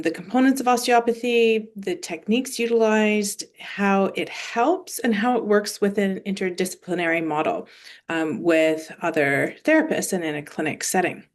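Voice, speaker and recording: A woman in her forties, an osteopathic manual therapist, giving a screen-shared presentation and explaining with everyday comparisons and some fillers. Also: mid-range voice.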